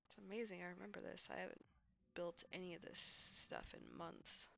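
A tired woman casually commenting on her gameplay late at night, talking to herself between yawns and often dropping to a breathy near-whisper. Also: on the low side, huge pitch swings, moderate pace, muffled recording. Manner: sleepy, yawning, quiet and breathy at times. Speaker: game streamer.

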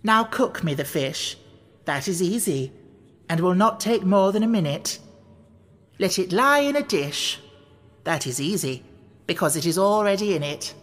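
A reader voicing a gentle, dithering storybook queen with a dainty, cooing manner. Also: mid-range voice, expressive, unhurried, long pauses, in a large hall. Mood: reciting riddle.

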